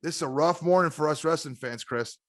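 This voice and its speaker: A man chatting casually as a guest on a podcast, an animated and excitable wrestling fan. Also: on the high side, brisk. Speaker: guest commentator.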